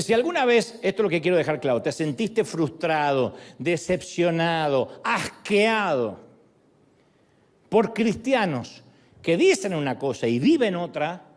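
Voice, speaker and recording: Male pastor, sermon delivery, lively and expressive, raised pitch. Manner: animated, shifts voice for quoted speech and jokes.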